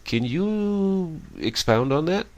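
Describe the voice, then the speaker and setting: A man hosting a radio talk show, chatting with a guest and telling a joke with lively delivery. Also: fairly high pitch, takes it slowly. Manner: animated storyteller, raises voice for quoted characters. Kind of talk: casual interview, telling a joke.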